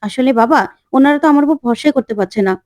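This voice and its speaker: Insistent young fiancé, quick and earnest, read by a woman in her own soft voice. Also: high-pitched, no room sound, lightly acted.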